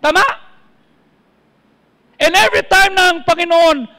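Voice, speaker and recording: A Filipino pastor preaching, with a high, bright, forceful voice. He quotes scripture and keeps turning questions back on his listeners. His voice rings out through a church hall with a long reverb. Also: fairly even intonation, unhurried. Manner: preaching in mixed Tagalog and English, quoting verses, asking the congregation questions. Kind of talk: sermon.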